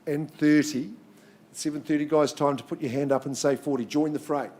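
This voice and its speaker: Male auctioneer, slightly high pitch, live in-room property sale, clipped number calls broken up by chatty asides. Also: fairly even intonation, brisk, a little mellow.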